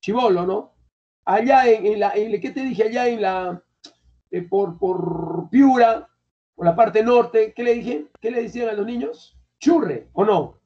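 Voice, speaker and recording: High-voiced teacher quizzing students. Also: male voice, measured pace. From Peru. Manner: colloquial, keeps quizzing students. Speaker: language teacher. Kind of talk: classroom lecture. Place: classroom. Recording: dull lo-fi classroom recording.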